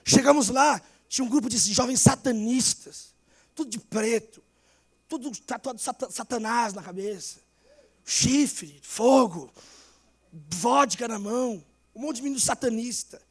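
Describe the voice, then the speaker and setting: A young male Brazilian pastor preaching a fervent sermon, swinging between shouted exhortation and hushed storytelling. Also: very high voice, measured pace, slightly rough. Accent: Brazilian Portuguese.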